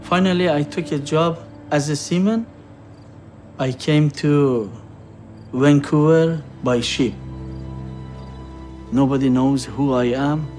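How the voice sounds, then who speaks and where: A man, telling his story in halting, broken English for a documentary interview. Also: fairly high pitch, a little mellow, soft background music. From Iran.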